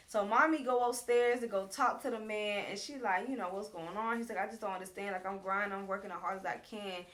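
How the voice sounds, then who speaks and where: A woman hosting a casual recap show, telling the story in an animated, frank way and acting out what people said. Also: mid-range voice. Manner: animated storyteller, acts out quotes; frank, talks straight to viewers. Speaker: show host recapping a reality series.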